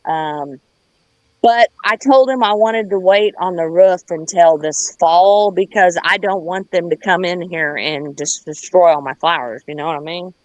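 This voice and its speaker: On a gardening livestream, a woman from the US talks casually and rambles with a folksy Southern accent and plain-spoken manner. Her voice sits on the low side and moves a little slowly. The recording is dry and the audio poor.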